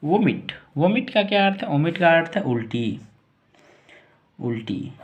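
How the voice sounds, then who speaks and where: A man teaching English words in a slow lesson, spelling each word out letter by letter and repeating it. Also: a little high, big pitch swings, lo-fi sound.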